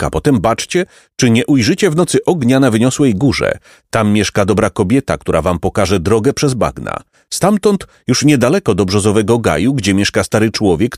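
A man's voice: lowish voice, a little mellow, dry recording, clean studio sound. A man voicing a clever, bold boy who speaks firmly and matter-of-factly in a storybook reading. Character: clever bold boy, stern but kind.

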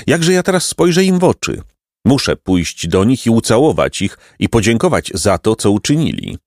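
A man's voice: mid-range voice, sing-song, normal speed, darkish tone, no echo, clean studio sound, pitched above the performer's own voice. A man reading a storybook and voicing a poor, worn-out old mother who speaks tenderly and with great joy. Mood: tearful joy. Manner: tender, overjoyed and pleading.

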